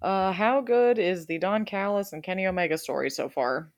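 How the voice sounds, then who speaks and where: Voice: medium pitch, moderate pace, no room sound, studio quality. A co-host on a casual wrestling podcast, blunt and exasperated while agreeing.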